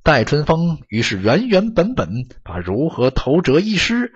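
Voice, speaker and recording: A man narrating an audiobook story in an expressive, dramatic storytelling manner, on a dull lo-fi recording. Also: fairly high pitch, a little slow, slightly rough.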